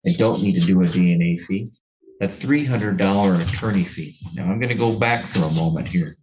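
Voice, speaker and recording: A deep, low-voiced man sits as judge in a courtroom, handing down a sentence in a stern, blunt, lecturing way with halting restarts. The sound is a muffled, lo-fi courtroom recording with a faint hiss behind it.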